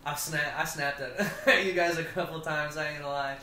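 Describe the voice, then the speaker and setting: A man's voice: on the high side, fairly even intonation, moderate pace, background noise. A man hosting a podcast, joking and teasing in casual chat. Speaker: podcast host. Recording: echoey, distant mic.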